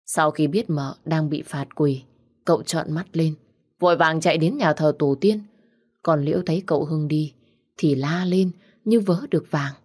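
A woman reading a storybook tale aloud. Her voice is notably low for a woman, and she keeps a calm, measured pace. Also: husky. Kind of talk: storybook narration.

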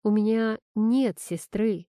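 A woman's voice: medium pitch, measured pace, clean tone, no room sound, studio quality, natural voice. A woman reading a wary, rattled grown man. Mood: careful. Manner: guarded, reluctant.

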